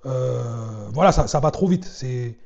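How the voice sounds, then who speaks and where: A man's voice: medium pitch, unhurried, gravelly, darkish tone, lo-fi sound. A man casually commenting on comedy clips, talking conversationally with frequent hesitations. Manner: conversational, many fillers and restarts.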